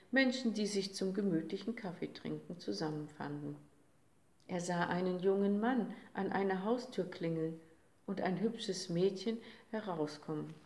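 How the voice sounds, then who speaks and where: Slow, expressive woman storyteller. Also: medium pitch. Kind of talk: reading a children's story aloud. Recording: roomy echo.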